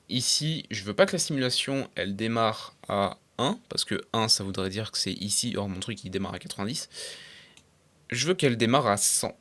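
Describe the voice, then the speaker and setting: A young man talking casually through a software tutorial step by step, with frequent fillers and English terms mixed in. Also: medium pitch. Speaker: tutorial creator. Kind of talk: screen-recorded software tutorial.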